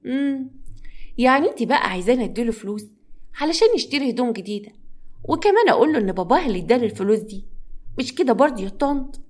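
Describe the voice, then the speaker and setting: A scornful, haughty stepmother in an Egyptian storybook tale, put on by a woman narrator, her voice pitched a little high. She talks down to everyone with quick, sneering contempt. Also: animated, a little mellow. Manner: sneering, condescending.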